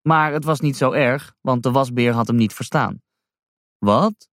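A man reading a rhyming children's story aloud as a storyteller, slow and expressive. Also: medium pitch, no room sound, studio quality.

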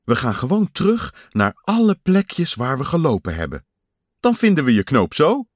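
A man's voice: wildly swooping pitch, normal speed, no room sound, clean studio sound. Man doing cheerful frog Kikker. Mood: eager. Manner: high, loud, eager calls. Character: cheerful helpful male frog, eager. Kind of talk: storybook voice acting.

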